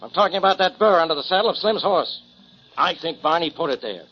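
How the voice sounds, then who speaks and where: An actor playing a stubborn, blustering police inspector in a 1940s American radio drama, gruff and sarcastic. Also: male voice, fairly high pitch, expressive, fast. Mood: grumbling, stubborn. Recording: dull 1940s radio recording.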